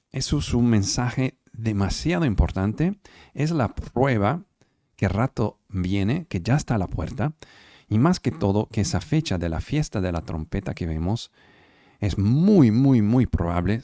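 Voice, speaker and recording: A man preaches and teaches the Bible from home over a video call as part of an online service, speaking Spanish as a second language. He emphatically repeats words and often checks in with listeners. His voice is fairly low and mellow, recorded in studio quality with no room sound.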